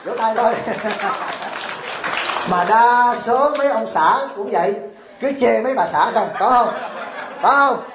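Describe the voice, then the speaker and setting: Man, buddhist monk, joking sermon, high voice, roomy echoing hall. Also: unhurried, long pauses, background noise. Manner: joking, acts out quoted widows and husbands, quizzes the audience. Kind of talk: humorous dharma talk to a congregation. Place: temple hall before a large audience.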